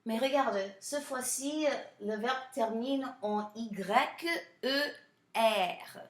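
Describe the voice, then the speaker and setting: Woman language teacher, bilingual lesson, slow careful delivery, roomy echo. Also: a little high. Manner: slow, drawn-out model pronunciation; playful, teasing asides. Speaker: French teacher.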